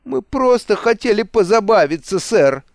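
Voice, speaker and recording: A man's voice: fairly low pitch, little pitch movement, normal speed, clean tone, no room sound, clean studio sound, voice pushed down, close to an everyday voice. A man voicing a frightened, tearful pirate captain who speaks in a trembling, pleading voice. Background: music.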